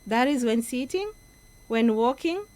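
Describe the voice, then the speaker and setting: A woman's voice: on the high side, lively intonation, unhurried, darkish tone. A Kenyan woman, a project coordinator and guest speaker, giving an earnest, instructive talk in a radio studio.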